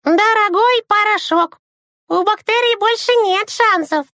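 A woman reading a storybook and voicing a giddy, stubborn little girl in a squeaky, shrill child voice. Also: measured pace, no echo, clean studio sound, heavily acted. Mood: playful. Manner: shouty, bouncy, defiant.

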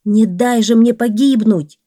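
A woman's voice: fairly high pitch, measured pace, warm tone, no echo, clean studio sound, pitched above the performer's own voice. A woman playing a desperate pleading man. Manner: pleading, raised voice.

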